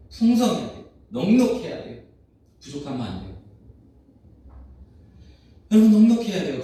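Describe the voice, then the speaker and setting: Animated male pastor in echoing church. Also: mid-range voice. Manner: animated, questions the congregation, acts out quoted voices. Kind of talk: sermon. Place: church sanctuary. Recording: echoey church sanctuary, mic at a distance.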